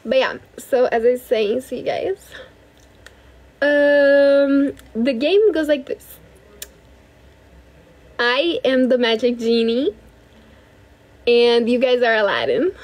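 A young woman from Brazil with a high voice hosts a relaxed livestream from her bedroom. She chats freely with viewers, often thanks them, and now and then switches languages. She talks into a phone held at arm's length. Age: young adult. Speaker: livestream host. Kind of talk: casual livestream chat.

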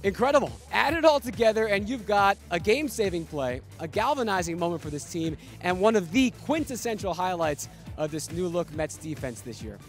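An energetic young man hosts a pregame baseball show with a bright, high-pitched voice. His scripted delivery is punchy and promotional, and faint music plays underneath him. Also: fairly quick. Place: ballpark concourse and museum.

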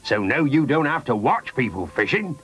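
A man's voice: medium pitch, very animated, moderate pace, a bit bright. A man doing a kindly old sailor. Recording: faint music behind.

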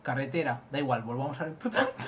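A man's voice: medium pitch, heavy background noise. A young man with an accent from Spain giving casual, joking gameplay commentary and swearing freely. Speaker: let's play host.

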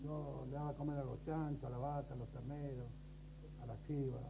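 A man's voice: medium pitch, little pitch movement, a little fast, creaky. A middle-aged man with an Argentine accent, telling rambling, boastful stories with mock innocence in a sketch set in a studio kitchen. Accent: Argentine Spanish. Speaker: comedian playing a gaucho cook. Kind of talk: sketch comedy banter. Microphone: lapel mic. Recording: noisy old VHS tape.

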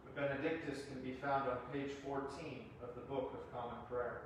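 A man's voice: medium pitch, moderate pace, slight background noise. Reverent man leading prayers in church. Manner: steady, reverent delivery. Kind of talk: liturgical responses. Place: church sanctuary. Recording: echoey church from far off.

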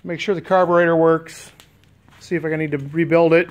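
Standing in a garage with a concrete floor, an American boat restorer and vlogger casually shows off his work without a script, pausing hesitantly while he thinks aloud. His voice is pitched a little above average with a flat delivery, and he's captured by a handheld camera with its operator behind it.

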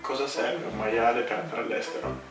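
A man's voice: medium pitch, sing-song, a little fast. A young man casually telling jokes to a friend, amused and trying not to laugh. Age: young adult. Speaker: contestant in a joke challenge. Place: home kitchen, indoors at a table. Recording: echoey room, distant mic, music behind.

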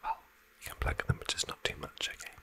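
A man doing a whispered ASMR role-play as a face painter, speaking in a breathy, soothing, complimentary way, as if giving close personal attention. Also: fast, bright, forceful tone.

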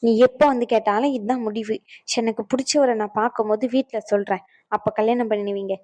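A woman's voice: on the high side, steady tone, fast talker, warm tone, dry recording, close to an everyday voice. A woman voicing an unwell, stubborn young granddaughter in a cartoon, exasperated and pleading. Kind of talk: cartoon voice acting.

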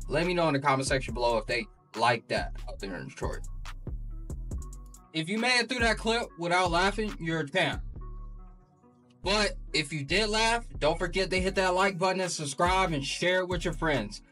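A man's voice: fairly high pitch, animated, moderate pace, sharp tone, recorded from a distance, faint music behind. A young man giving casual, slangy reaction commentary, incredulous and breaking into shocked laughter. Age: young adult. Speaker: host of prank reaction videos. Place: small indoor room.

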